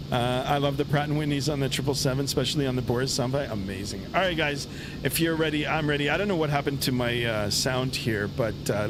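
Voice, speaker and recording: A man from Canada hosting a flight simulator livestream, chatting casually with viewers as he flies. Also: a little high. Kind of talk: casual chat with viewers while flying. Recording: loud engine and cockpit noise behind. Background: simulator aircraft noise.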